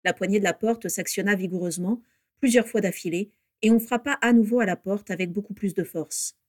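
A woman reading a story aloud with steady, measured narration. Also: medium pitch, dry recording, studio quality.

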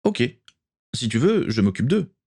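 A man's voice: medium pitch, very animated, measured pace, mellow, slightly rough, voice pushed up, heavily acted. A man voicing a friendly, easygoing pirate crewman in a storybook reading.

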